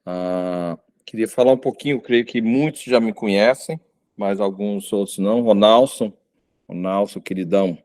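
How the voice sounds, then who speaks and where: A man's voice: fairly low pitch, moderate pace, a little mellow. A middle-aged man from Goiânia, preaching an informal sermon, hesitant with many fillers and restarts. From Goiânia, Brazil. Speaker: visiting preacher.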